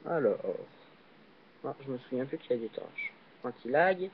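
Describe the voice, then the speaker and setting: A young man casually commenting while he plays a video game, hesitant and full of fillers, with sudden excited yelps on jumps. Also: medium pitch, moderate pace, a little hiss or hum. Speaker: gaming channel host. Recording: dull lo-fi recording.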